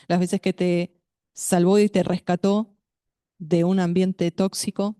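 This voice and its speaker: A woman's voice: on the low side, level tone, mellow, clear, resonant tone, dry recording, clean studio sound. A woman preaching at a women's meeting, speaking to her listeners directly and asking them questions. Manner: measured, addresses listeners directly as sister with questions. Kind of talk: sermon.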